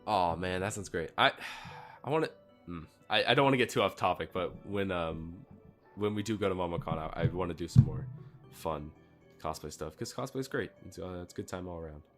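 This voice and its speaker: Man, deep voice, podcast co-host, halting, faint music behind. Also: a bit bright. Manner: halting, stammering starts. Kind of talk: casual podcast chat.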